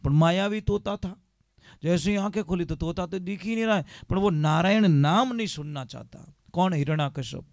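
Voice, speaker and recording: A male preacher telling a story as a sermon, animated, often asking his listeners questions. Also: sits high, moderate pace, gravelly, no echo, studio quality.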